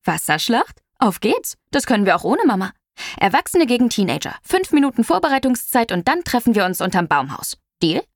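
A fun-loving, teasing dad from an audiobook story, read out by a woman. He is given a lightly gravelly voice in a dry, close recording. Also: mid-range voice, expressive, normal speed, hardly any pauses, a bit bright, no echo. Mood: playful. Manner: joking, playful. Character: playful joking father, adult man.

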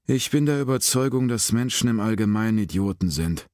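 A sardonic, defiant woman chief inspector, as a male narrator puts her on in a dry audiobook read. Her voice is raised well above his low tone, cutting and bored, with a dead, close sound. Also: animated, fairly quick, darkish tone, no echo, lightly acted. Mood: dry sarcastic.

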